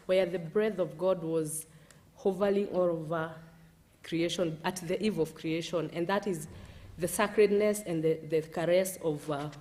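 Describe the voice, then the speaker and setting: A woman presenting a paper at a conference, speaking in a halting way with frequent restarts. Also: fairly low pitch, a little mellow. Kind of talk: academic presentation.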